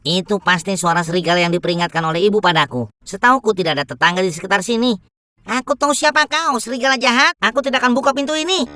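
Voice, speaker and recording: A woman's voice: medium pitch, fast talker, pushed and bright, no echo, lightly acted. A woman voicing a stubborn, defiant, snappy little pig in a children's cartoon fairy tale.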